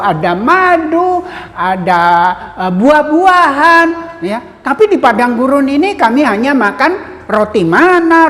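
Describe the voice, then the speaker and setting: Brief: grumbling, fed-up desert wanderers, put on by a woman, whiny and high, Sunday school storybook telling, long hall echo. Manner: whiny complaining. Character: grumbling ancient Israelite people, fed up.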